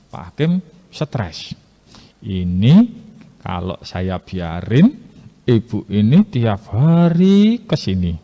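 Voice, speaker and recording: A man telling a Bible story to children, lively and asking the listeners questions. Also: medium pitch. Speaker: Sunday school teacher. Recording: muffled echoey hall.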